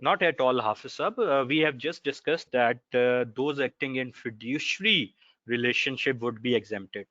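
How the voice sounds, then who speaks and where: Bright, forceful Pakistani-accented male lecturer. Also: mid-range voice, moderate pace, dry recording. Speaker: seminar speaker answering legal questions. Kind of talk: explanatory online lecture with Q&A. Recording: dry, slightly dull online audio.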